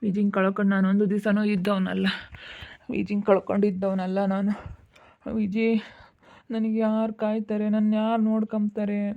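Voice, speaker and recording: A woman's voice: mid-range voice, little pitch movement, moderate pace, lightly acted. A woman with a rural Chitradurga Kannada accent playing a grieving young village husband, wailing and pleading through sobs in a village family drama. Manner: wailing, pleading, repeating phrases. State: sobbing. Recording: tinny phone-like recording.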